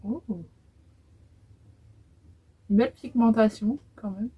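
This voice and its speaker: A beauty vlogger in her twenties talks through a makeup tutorial while applying eyeshadow, sounding casual and hesitant and using many fillers. Her voice is on the high side, slow and steady in tone with a breathy edge, and the highs are cut off.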